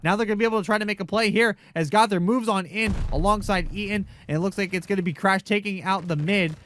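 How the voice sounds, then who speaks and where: Fast, high-voiced male esports caster. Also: a little hiss or hum. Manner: rapid excitable calls. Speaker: play-by-play caster. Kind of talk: esports play-by-play commentary.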